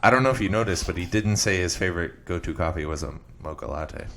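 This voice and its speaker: A man's voice: deep voice, fast, a bit bright, slight background noise. A man co-hosting a podcast, teasing his co-host in casual joking banter. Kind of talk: casual chat.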